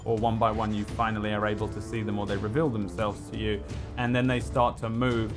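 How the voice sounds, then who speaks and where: A man improvising tabletop game narration as game master, halting and thinking aloud. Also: fairly low pitch, level tone. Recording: music behind the voice.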